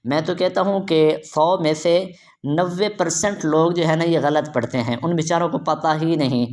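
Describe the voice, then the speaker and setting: A man's voice: a little high, steady tone, darkish tone. Man drilling recitation syllable by syllable. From Pakistan. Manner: drills by asking how it is read, then answering; drawn-out melodic recitation of verses. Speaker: Quran recitation teacher. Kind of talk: tajweed lesson, spelling out syllables.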